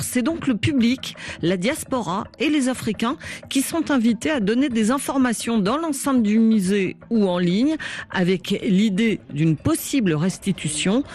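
A woman radio presenter introducing and closing a news segment with crisp announcer delivery. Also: medium pitch, darkish tone.

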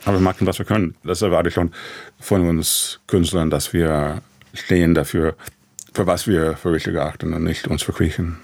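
A man with an American accent, a composer speaking German as a second language, answering in a halting, reflective way with many fillers. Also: low-pitched, fairly even intonation, creaky, darkish tone, no room sound. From USA. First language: English. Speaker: composer guest. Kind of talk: reflective radio interview answers.

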